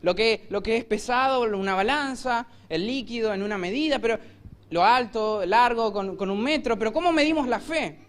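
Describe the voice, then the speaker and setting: A man with a Rioplatense Spanish accent preaching a sermon in a church, telling the story vividly and acting out shouted lines. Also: high-pitched. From Argentina. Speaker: pastor.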